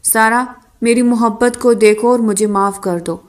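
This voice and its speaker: A woman's voice: on the high side, fairly even intonation, natural voice. A woman reading the lines of a remorseful young husband who pleads with his wife for forgiveness, in an audiobook novel reading. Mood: pleading. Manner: pleading, earnest.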